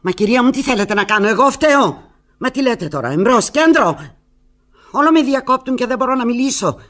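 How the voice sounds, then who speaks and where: An actress gives an expressive, fairly bright, highish voice to an anguished woman pining for love, alone on the phone in a theatrical radio monologue. She pleads and frets with halting replies, sounding agitated and exasperated.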